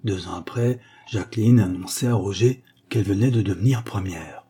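A man narrating a classic story in a calm, measured reading. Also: fairly low pitch, breathy edge. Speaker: audiobook reader.

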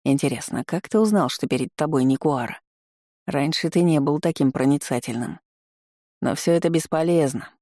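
A cold gray-faced elf lord taunts his rival in a slow, gloating drawl, as a storyteller puts him on. The voice sounds warm and mellow. It is recorded close and dry for an audiobook reading. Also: mid-range voice, no room sound, lightly acted.

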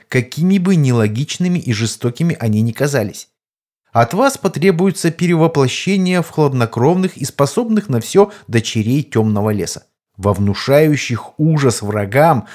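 A man reading an audiobook, voicing a weary male archmage who explains things gravely and with a slightly apologetic tone. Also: medium pitch, darkish tone, natural voice. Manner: explaining gravely, somewhat glum.

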